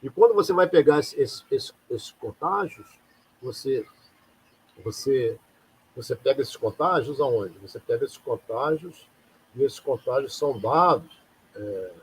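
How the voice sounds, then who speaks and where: Here a man from Rio de Janeiro, Brazil, hosts a live lecture in a mid-range voice, captured on a low-quality recording with slight background noise. His delivery is loose and conversational, and he often asks rhetorical questions.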